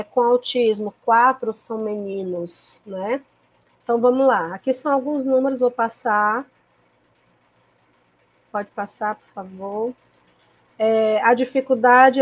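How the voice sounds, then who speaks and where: Calm, higher-pitched woman teacher. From Piauí, Brazil. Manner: calm, patient explaining with frequent checking tags. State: tickly throat, needing to cough. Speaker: teacher giving a lecture. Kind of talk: recorded online lecture to teachers.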